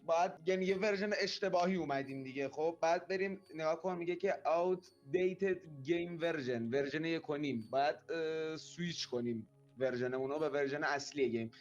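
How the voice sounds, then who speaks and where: A man guiding another player through a game, calm and instructive, reassuring with a teasing edge. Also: on the high side, dull audio, faint music behind. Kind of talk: let's-play commentary.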